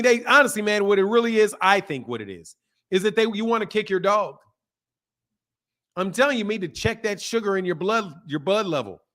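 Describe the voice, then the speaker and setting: Hosting a live boxing talk stream, a man in his fifties with a high voice reads comments and chats loosely with viewers. He's animated, talking back to chat, repeating points for emphasis and laughing often.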